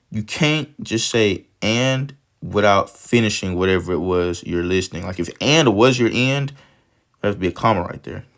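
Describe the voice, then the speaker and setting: A man's voice: low voice, a bit bright. A man with a cold, sniffling, casually talking through English test questions step by step and thinking aloud as he goes. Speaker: test prep tutor. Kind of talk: walking through practice questions.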